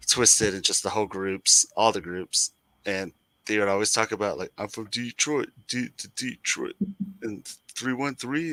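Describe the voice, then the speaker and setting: Man co-host, lowish bright voice, dry close sound, joking banter. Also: dry recording. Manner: animated, jokey, gets excited in bursts. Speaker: podcast co-host. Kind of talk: casual soccer chat.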